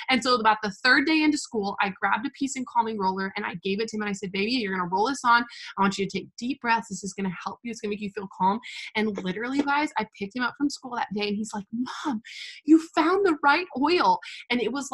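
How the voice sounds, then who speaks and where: A woman's voice: medium pitch, a bit bright. A young woman from the United States chatting casually as she walks through an essential oils kit, gushing and filling her talk with "like" and "literally". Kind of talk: casual product walkthrough.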